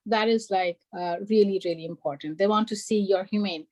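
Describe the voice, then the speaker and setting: A woman's voice: medium pitch, a little fast, a little mellow, rough recording. A young woman raised in Germany, speaking earnestly as an alumna on an online panel, emphatic and full of "you know" and "like". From Bangladesh, raised in Germany.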